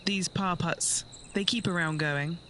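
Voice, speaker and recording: A man doing a slow, bright-voiced golf reporter. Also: a little high, slight background noise. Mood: measured. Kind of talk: golf commentary.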